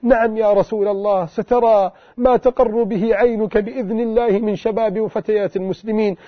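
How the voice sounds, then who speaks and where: A man's voice: high voice, fairly even intonation, a little fast, no echo. A man preaching an emotional sermon and supplication, pleading and repeating his invocations over and over. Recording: tinny phone-like lo-fi audio.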